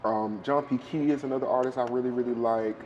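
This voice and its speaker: A man's voice: medium pitch, steady tone, fast talker, a little mellow, highs cut off, slight background noise. A young adult man, chatting easygoingly as a guest in a restaurant interview. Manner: easygoing, affirming, says okay often. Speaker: guest, university staff member and choir leader. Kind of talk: casual interview chat. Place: restaurant, indoors.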